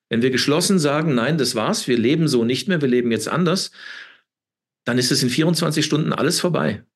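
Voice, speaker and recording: Husky and mid-range, this interview guest in his fifties sounds emphatic and preachy in his impassioned talk. He repeats words frequently and tends to close with a questioning tag.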